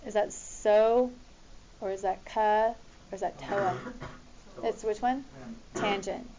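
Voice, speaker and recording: The highs are cut off in this clip of a woman teacher taking her class through math examples. Her mid-range voice is warm, steady, and slow, and she stays informal and directive, checking that students follow along.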